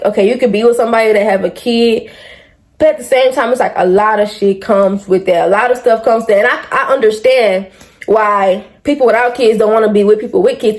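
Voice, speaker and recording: A woman's voice: mid-range voice, a little mellow. A woman who is a mother tells a personal story straight to her viewers, talking animatedly, swearing freely and calling them y'all. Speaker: vlogger telling a personal story. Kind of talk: casual storytime.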